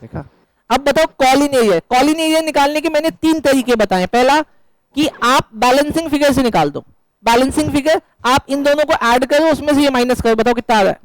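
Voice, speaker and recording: A man's voice: very high voice, brisk. A man. He keeps quizzing his students and slips in jokes. The sound is dry and close, with almost no room echo. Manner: joking, quizzing students, mixing English terms. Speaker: accounts teacher. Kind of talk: classroom lecture. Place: classroom.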